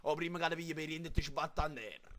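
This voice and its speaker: A man's voice: a little high, racing, noisy background, lightly acted. A man voicing a crude, aggressive brawler in a comic amateur game dub, taunting and swearing with a Neapolitan accent. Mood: angry. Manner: foul-mouthed, taunting.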